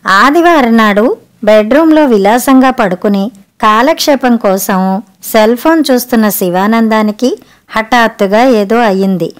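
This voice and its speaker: Lady audiobook narrator, slightly high voice, measured comedic storytelling. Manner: measured, expressive.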